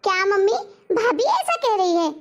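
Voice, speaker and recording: A woman voicing a caring, protective adult daughter in an animated family story, firm and reassuring. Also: extremely high pitch, normal speed. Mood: concerned. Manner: reassuring, then scolding.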